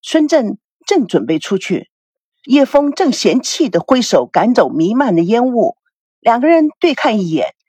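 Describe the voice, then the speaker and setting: A woman narrating an audiobook drama in an expressive storytelling manner, recorded on a close mic. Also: fairly high pitch, unhurried, husky, no echo.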